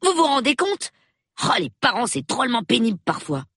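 Woman doing a high, eager little boy. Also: huge pitch swings, a bit bright, husky, no room sound, clean studio sound, full character voice. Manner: quick, eager chatter. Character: cheeky, excited young boy. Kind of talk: audiobook reading.

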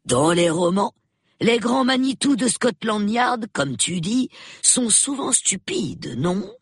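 A woman reading an audiobook, voicing a composed older gentleman who speaks in a measured, dry way. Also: mid-range voice, expressive, husky, no echo, voice pushed up, heavily acted. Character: composed older English gentleman, retired policeman.

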